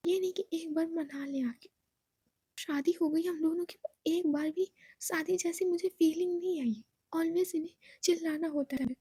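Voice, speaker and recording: A storyteller putting on a jumpy young woman who frets and protests in breathless chatter in an audio love story. The voice is high and bright-pitched, with a mellow tone underneath. The sound is dry and close. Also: steady tone, normal speed, no echo. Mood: fretful.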